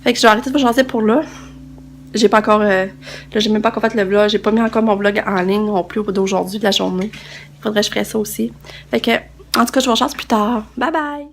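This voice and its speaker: Speaking quickly in a steady, mid-range voice, a young woman with a Québécois French accent chats casually to her handheld phone camera for a vlog. She is tired and congested from a cold, rambling with lots of fillers and restarts, and there is slight background noise.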